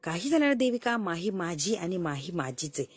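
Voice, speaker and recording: A woman's voice: lowish voice, very animated, moderate pace, husky, no room sound, pitched below the performer's own voice, full character voice. A woman voicing a scheming, obsessive young man who makes threats. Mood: threatening.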